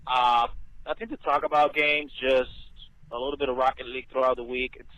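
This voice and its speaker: A man's voice: medium pitch, level tone, brisk, fairly bright tone, dry recording, low-quality recording. A tired man leaving a casual voice message from a moving car, played back through a speaker, swearing freely. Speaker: listener calling in with a voice message.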